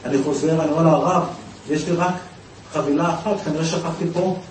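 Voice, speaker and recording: A high-voiced man tells a story with lively energy, acting out the voices of the people he quotes. He sounds some way from the mic in an echoey room, with a faint hiss behind him. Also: distant mic. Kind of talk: storytelling talk.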